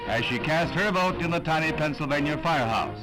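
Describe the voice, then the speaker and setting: A man voices an old newsreel, reading the news in a brisk, formal announcer's manner. His voice sits a little high for a man. Loud music plays under him throughout. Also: animated, low-quality recording. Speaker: newsreel narrator.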